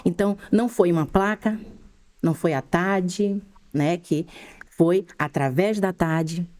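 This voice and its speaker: A middle-aged Brazilian woman telling her faith testimony as a podcast guest, in fervent, rushed storytelling. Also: fairly low pitch, darkish tone. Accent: Brazilian Portuguese.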